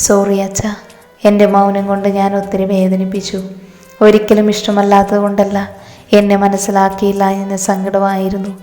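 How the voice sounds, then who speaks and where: A dramatic young man, moody and teasing, voiced by a woman narrator in a story. The reading stays level and flat at a middling pitch. It sits in a reverberant room with faint music behind. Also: normal speed, natural voice. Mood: sad.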